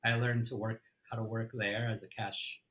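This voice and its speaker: A middle-aged man from Egypt, a company CEO, telling his story as an interview guest in a relaxed way, with fillers and restarts. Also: lowish voice, moderate pace, a little hiss or hum, low-quality recording.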